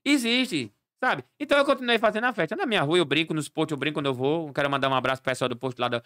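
A man, a clown and party entertainer, telling animated stories as a podcast guest and acting out the dialogue. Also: fairly high pitch, rapid-fire, no room sound. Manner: animated storyteller acting out dialogue, laughing often.

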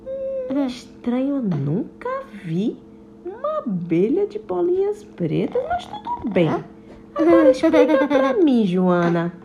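A clever little boy bee, as a woman storyteller puts him on, quick to doubt and to crow when he is right. His lines swing high and low with a gravelly grain. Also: wildly swooping pitch, lo-fi sound, noisy background, heavily acted. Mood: suspicious. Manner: questioning, teasing, triumphant. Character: clever, suspicious young male bee.

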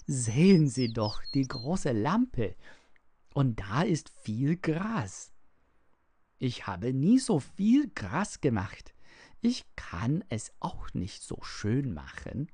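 A man's voice: medium pitch, sing-song, slow, mellow, no room sound, heavily acted. A man reading aloud and voicing a small, wonder-struck boy from a cave who asks eager questions. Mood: amazed.

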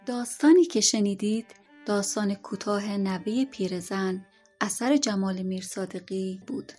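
A woman narrating a short story for a podcast in a calm, measured reading voice. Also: mid-range voice, faint music behind.

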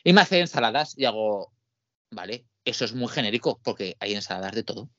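A man's voice: fairly low pitch, fairly quick, dry recording, muffled recording. A man with a Spain Spanish accent, casually chatting on a podcast and acting out the people in his anecdotes. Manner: animated storyteller, acts out quoted dialogue. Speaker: podcast co-host. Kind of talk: casual chat, telling anecdotes.

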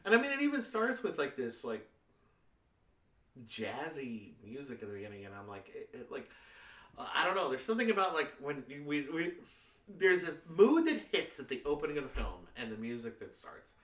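A man's voice: mid-range voice, very animated, moderate pace, long pauses, fairly bright tone. A man co-hosting a podcast, talking casually and rambling, often hesitating and trailing off. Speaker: podcast co-host. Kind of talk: casual chat. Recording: roomy, distant from the mic.

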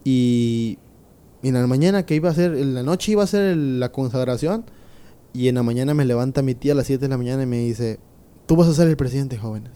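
A man's voice: medium pitch, brisk, dark tone, clean tone. Earnest man telling his testimony. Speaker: interviewee sharing a conversion testimony. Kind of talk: casual testimony.

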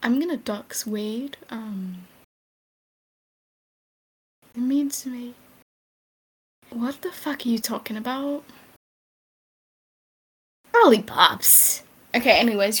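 A woman's voice: a little high, slightly rough. A young woman co-hosting a casual online chat, crude and joking and swearing freely over voice chat. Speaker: podcast co-host.

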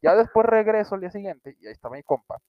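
Young Mexican man, high voice, slangy comic storyteller, lo-fi. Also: quick pace, no room sound. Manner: slangy, animated, acts out quotes with sudden shrieks. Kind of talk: casual comedic storytelling. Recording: dry, dull lo-fi sound.

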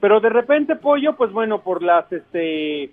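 A man with a Mexican accent, a chef on radio, explaining and chatting casually in a halting way. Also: high voice, big pitch swings, dry recording, narrow, tinny audio, soft background music. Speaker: chef giving radio cooking tips.

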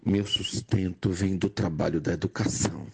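An older man with a Pernambuco accent, a nurse and educator, giving a slow, measured personal testimony that rises in emphasis on key points. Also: low-pitched, fairly even intonation, creaky, warm tone, husky. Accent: Pernambuco Portuguese. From Brazil, Pernambuco.

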